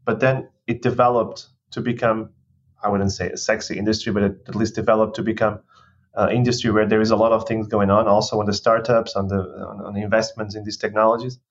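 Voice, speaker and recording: A man's voice: fairly low pitch, flat delivery, fairly quick. A man in his thirties from Portugal, a guest executive talking through his career in a podcast interview, thoughtful and given to restarts. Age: 30s. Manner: thoughtful, with restarts and non-native phrasing. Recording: dull lo-fi sound.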